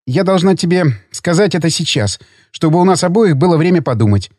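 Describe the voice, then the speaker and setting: A man voicing a young married woman in an audiobook, speaking in a sharp, hissing and cold way. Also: a little high, animated, brisk, dry recording, studio quality. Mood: cold, angry. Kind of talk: audiobook character reading.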